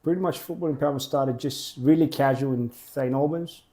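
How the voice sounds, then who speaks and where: A young Australian man who co-founded a football program answers interview questions plainly, speaking in short, halting clauses. His voice is medium-pitched and mellow.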